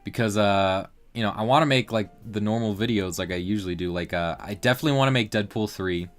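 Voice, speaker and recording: A young man in his late teens chats casually on a livestream, his voice sitting a little low. He rambles freely and keeps restarting his sentences with fillers. Faint music plays quietly behind him. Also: fast. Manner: rambling, loose talk full of fillers and restarts. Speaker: livestream host.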